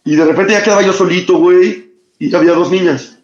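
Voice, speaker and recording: A man's voice: high-pitched, fairly even intonation, fast, reverberant, lo-fi sound. A young man with a Mexican accent, co-hosting a casual chat and telling stories in slang, often laughing.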